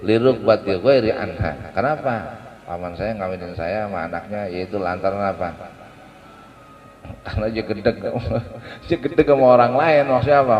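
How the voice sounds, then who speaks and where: Animated man preaching. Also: mid-range voice, highs cut off. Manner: animated storytelling with casual Jakarta slang. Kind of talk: sermon storytelling. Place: mosque. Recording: echoey mosque room.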